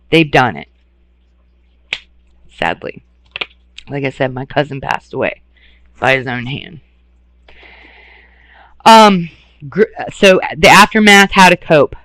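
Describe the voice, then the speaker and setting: A man's voice: on the high side, very animated, slow, long pauses, sharp tone, no room sound, rough recording. Blunt, impassioned man on the verge of tears. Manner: blunt, passionate, swears freely. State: near tears. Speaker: radio host. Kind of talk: emotional monologue.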